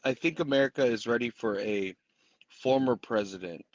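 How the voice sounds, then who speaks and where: A man who is an attorney, giving measured, matter-of-fact opinions on a live stream. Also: mid-range voice, dry recording. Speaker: attorney guest. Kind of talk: casual live-stream panel talk. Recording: dry, dull lo-fi audio.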